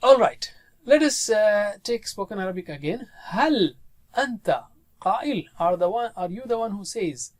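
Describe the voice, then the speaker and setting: A man's voice: sits high, sing-song, slow pace. A man teaching a grammar lesson to a class. He patiently leads call-and-response drills and mixes English with Arabic words. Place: classroom with students.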